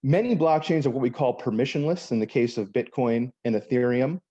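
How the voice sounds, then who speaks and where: A man from Miami, working as an attorney, walks through a presentation quickly and fills gaps with "uh." His voice is mellow and relaxed. The sound is dull and lo-fi, like a remote call. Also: medium pitch. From Miami, Florida. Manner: quick, explanatory, many fillers. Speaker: attorney, panel speaker. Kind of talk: conference presentation.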